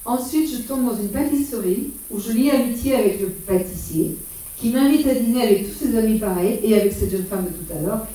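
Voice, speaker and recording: A woman's voice: a little high, a little fast, mellow. A middle-aged woman giving an informal, hesitant slideshow talk, with many fillers and restarts. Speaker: speaker giving a travel talk. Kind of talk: informal slideshow talk about a solo walking pilgrimage. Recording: very echoey room, voice far from mic.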